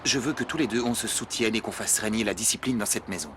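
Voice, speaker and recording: An actor playing a stern, formal young head of a household in a French TV dub. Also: male voice, on the low side, fast talker, background noise, lightly acted.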